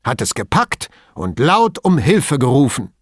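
A man's voice: medium pitch, big pitch swings, measured pace, dry recording, studio quality, pitched above the performer's own voice. A man voicing a pompous, agitated male police chief who talks emphatically and indignantly in an audiobook.

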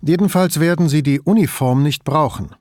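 A man voicing an older male police commissioner who speaks calmly and wryly. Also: on the high side, normal speed, no room sound, voice pushed up, natural voice. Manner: calm, dry, wry. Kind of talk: audiobook character voice.

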